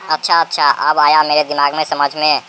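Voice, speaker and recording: A man voicing a flattering, freeloading distant relative in a comedy sketch, soft and wheedling. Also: fairly high pitch, fairly quick, slight background noise.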